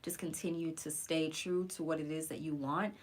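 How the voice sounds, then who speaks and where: A woman's voice: deep voice, fairly even intonation, normal speed. A woman in her forties speaking earnestly and encouragingly in a casual live stream about her faith. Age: 40s. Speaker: faith vlogger. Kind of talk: live-stream personal testimony.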